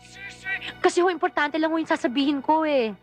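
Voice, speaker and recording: A woman's voice: sits high, faint music behind, natural voice. An actress playing an unmarried woman who scolds her long-absent lover in an emotional film scene. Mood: polite, hurried. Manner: emotional, reproachful, rapid complaining. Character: unmarried woman, hurt and longing, outspoken. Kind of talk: film drama acting.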